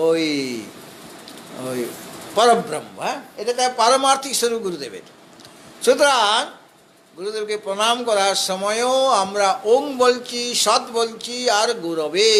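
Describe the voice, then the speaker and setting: A man with a Bengali accent giving a scripture discourse, explaining step by step, chanting Sanskrit verses slowly and asking rhetorical questions. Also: very high voice, fairly bright tone, slight background noise. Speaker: spiritual teacher. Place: hall of a spiritual society.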